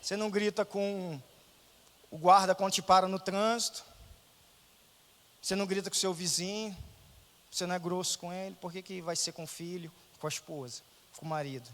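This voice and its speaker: A man's voice: sits high, fairly even intonation, fairly quick, pauses often, a bit bright. A man preaching a sermon as pastor, emphatic and full of rhetorical questions to the congregation. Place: church hall. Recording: long church reverb.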